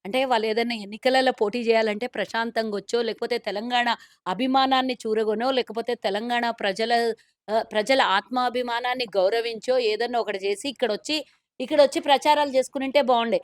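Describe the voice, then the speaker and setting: A woman's voice: fairly high pitch, quick pace, no echo. A woman with a Telangana accent, a corporation chairperson speaking as a guest in a political interview in an indignant, pointed and sarcastic way. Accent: Telangana Telugu.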